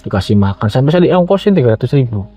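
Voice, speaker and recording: A man's voice: mid-range voice, quick pace. A middle-aged man with an Indonesian accent casually tells a personal story, acting out quoted speech as he goes. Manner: animated retelling with acted-out quotes. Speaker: guest telling his own story. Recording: dull lo-fi audio with background music. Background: music.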